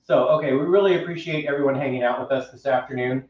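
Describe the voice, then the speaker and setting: A man's voice: mid-range voice, fast, slight background noise. Enthusiastic man hosting a home cooking stream. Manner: chatty, enthusiastic, reads viewer comments aloud. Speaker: cooking show host. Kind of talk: casual live-stream cooking chat. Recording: roomy, distant, dull live-stream audio.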